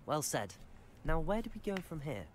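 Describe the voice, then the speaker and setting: Lively young wizard. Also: male voice, fairly high pitch, moderate pace, a little hiss or hum. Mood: polite, curious. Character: young male student wizard, polite, curious, determined. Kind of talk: video game voice acting. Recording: game music under the voice. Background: game music.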